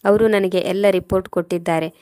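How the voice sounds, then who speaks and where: A cold, betrayed husband levels accusation after accusation in an even, unbending tone, as a woman narrator reads him. The delivery stays level in pitch with little rise or fall. The recording is dry and close. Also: fast talker, no echo, lightly acted. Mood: accusing. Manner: accusing, harsh.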